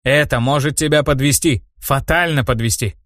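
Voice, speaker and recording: A man's voice: medium pitch, normal speed, a bit bright, no room sound, studio quality, natural voice. A man reading an audiobook and voicing a stern older brother, a mage who scolds and lectures his younger brother. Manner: reproachful, lecturing.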